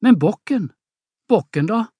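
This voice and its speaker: A man's voice: fairly high pitch, lively intonation, no room sound, studio quality. A man voicing a wailing old peasant mother. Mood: alarmed. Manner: wailing, exclamatory scolding. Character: aging peasant mother, scolding and fretful. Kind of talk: audiobook drama reading.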